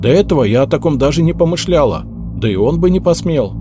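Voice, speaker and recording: A man voicing a frightened young female maid who pleads and makes excuses in a rushed, tearful way. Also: a little high, sing-song, music in the background, voice pushed up.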